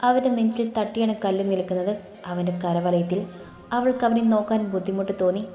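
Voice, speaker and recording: A woman reading a romance story aloud in a steady, even storytelling manner. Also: mid-range voice, a little fast. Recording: echoey room with soft music.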